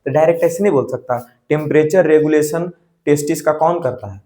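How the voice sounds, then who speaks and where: A male teacher runs a biology lesson in a slightly high voice. He mixes English terms into Hindi, throws questions at the class and answers them himself, checking in with frequent "theek hai"s. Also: brisk, mellow.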